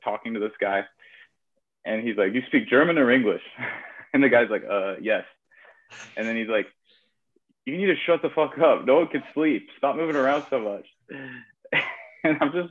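A young man telling a long story in casual chat, rambling with lots of fillers. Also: on the low side. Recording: tinny phone-like audio.

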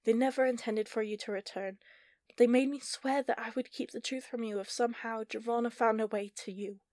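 A woman's voice: a little high, steady tone, brisk, darkish tone, no echo, natural voice. A woman voicing an earnest female witch guardian who pleads in a raised voice. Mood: pleading.

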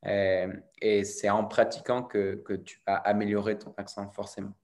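A man's voice: lowish voice, level tone, moderate pace, darkish tone. A man from France who teaches French, talking casually and explaining his views with frequent restarts. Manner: thoughtful, explaining with many restarts. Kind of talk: casual conversation.

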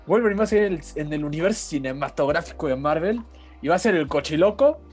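A man's voice: fairly high pitch, animated, fast, soft background music. A Mexican man talking casually as the co-host of a podcast.

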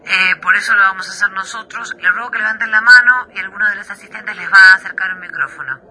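A woman's voice: medium pitch, quick pace, pushed and bright, slightly rough. A woman voicing a curt, controlling male manager who answers the press in a formal, clipped and evasive way. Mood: guarded, formal.

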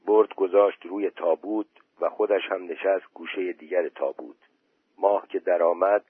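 A man reading a literary story aloud at a measured pace, recorded as a phone voice message. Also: low-pitched, slightly rough, no echo, narrow, tinny audio. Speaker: audiobook reader.

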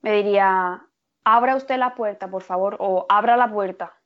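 A woman's voice: medium pitch, normal speed, muffled recording. A woman student answering a teacher's questions and reading example phrases aloud.

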